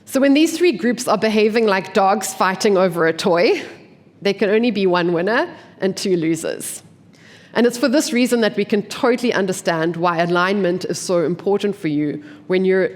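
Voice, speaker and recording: In the long reverb of a conference hall, a woman from an investment team gives a forum presentation while congested from a cold. Her voice is lowish and fairly quick, and she explains clearly, often raising questions only to answer them.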